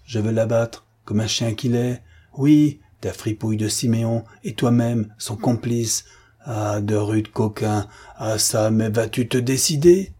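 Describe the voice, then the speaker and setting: A man reading aloud and voicing a hot-tempered young army captain who shouts threats forcefully. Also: lowish voice, measured pace, breathy edge. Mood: furious.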